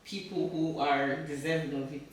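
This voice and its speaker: A woman's voice: sits low, fairly even intonation, normal speed. Chatty young woman cooking. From Nigeria. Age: young adult. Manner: chatty, rambling, many "like" and "basically". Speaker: guest, university student. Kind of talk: casual interview while cooking. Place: home kitchen. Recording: echoey kitchen, camera from far off. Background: cutlery and pans clattering.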